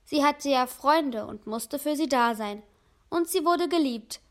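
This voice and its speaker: A woman with a high voice reads a children's story aloud. She tells it gently and at a measured pace. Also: lively intonation.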